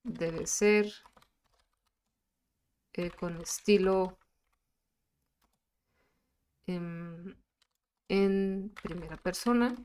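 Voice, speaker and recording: A woman teacher, explaining patiently with many pauses and filler sounds in a screen-recorded lesson. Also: lowish voice, a little mellow.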